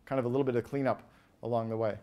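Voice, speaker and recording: A man giving an energetic business keynote on stage, firing quick questions at the audience and rattling off lists. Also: medium pitch. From Canada. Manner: animated, asks the audience quick questions, acts out quoted voices. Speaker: keynote speaker. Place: event stage before a live audience.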